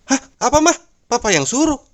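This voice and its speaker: A man voicing a shocked, jealous husband who squawks his questions. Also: a little fast. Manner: excited, high and loud.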